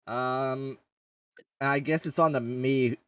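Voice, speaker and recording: Casual podcast host, male, mid-pitched, rambling and profane, a bit off-mic, dry sound. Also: fairly even intonation, takes it slowly, a bit bright, clear, resonant tone, dry recording, far from the mic. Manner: rambling, swears often, jokey. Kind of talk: casual gaming chat.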